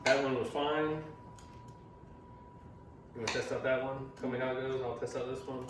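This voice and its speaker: A man's voice: medium pitch, level tone, moderate pace. A man, a father, giving a chatty, explanatory home cooking demonstration with some teasing. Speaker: home cook and channel host, a father. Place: home kitchen. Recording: echoey room, mic far off, faint noise.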